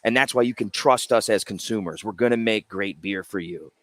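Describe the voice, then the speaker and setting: A man's voice: on the low side, a little fast, dry recording. A man, a brewery co-founder, chatting casually as an interview guest and explaining his beers. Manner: explains while showing cans, loose and chatty. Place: brewery in a Japanese spa town.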